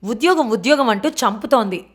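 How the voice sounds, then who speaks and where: Lady voicing a careless young guy, brushes things off quick. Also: on the high side, expressive, pitched above the performer's own voice. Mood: dismissive. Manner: dismissive, quick. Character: lazy careless young man, jobless nephew.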